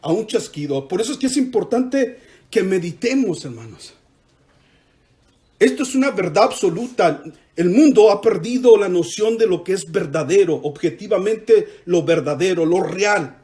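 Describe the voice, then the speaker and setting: High-voiced preacher giving a fervent sermon. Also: male voice, animated, moderate pace, mellow. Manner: emphatic preaching with call-and-response to the congregation. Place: church.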